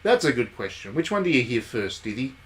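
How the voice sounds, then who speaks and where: Very animated and brisk, his mid-range voice has a slightly bright edge. He's a game streamer and reviewer chatting with viewers in a jokey, casual livestream, commenting on a game and reading its text aloud.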